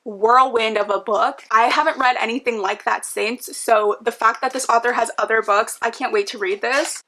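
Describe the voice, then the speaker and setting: A woman's voice: fairly high pitch, steady tone, moderate pace, sharp tone. A young woman chatting casually to camera about books she wants to read, gushing and full of "like" fillers. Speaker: book vlogger. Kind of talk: casual book chat to camera. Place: home room with book cart.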